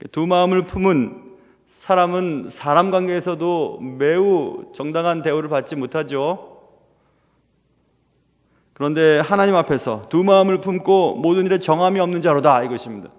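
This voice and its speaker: A young man preaching a sermon as pastor, earnest and full of rhetorical questions, sometimes dropping to a hush. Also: a little high, moderate pace. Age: young adult. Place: church sanctuary. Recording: long reverb of a church hall.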